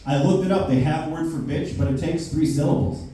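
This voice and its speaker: A man's voice: fairly high pitch, brisk, dark tone. A man doing a stand-up comedy set, ranting in a brash, profane manner. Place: basement club room with a live audience. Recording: very echoey basement, mic far off, faint hiss.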